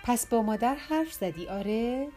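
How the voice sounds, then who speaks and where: A woman's voice: fairly high pitch, animated, mellow, faint music behind, close to an everyday voice. A woman voicing a chatty adult woman friend who teases and jokes. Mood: curious. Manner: teasing, quick-witted chatter.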